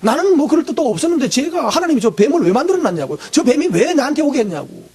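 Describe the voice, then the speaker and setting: A man's voice: extremely high pitch, very animated, quick pace, darkish tone, pitched above the performer's own voice. A man putting on a whiny sulking man full of excuses. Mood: whining. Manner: whiny, self-pitying excuses. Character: sulking man blaming everyone else.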